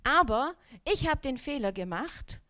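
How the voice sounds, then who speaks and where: Woman in her 30s, sermon testimony, lively storyteller, voice a bit on the high side, talks right at the crowd. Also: unhurried. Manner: lively storytelling that acts out her own quoted thoughts and outbursts; direct, addresses the listeners.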